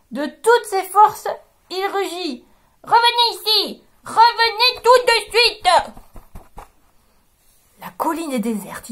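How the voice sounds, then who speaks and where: A woman hosting a reading workshop, reading a children's picture book aloud with expressive, drawn-out storytelling. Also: high-pitched.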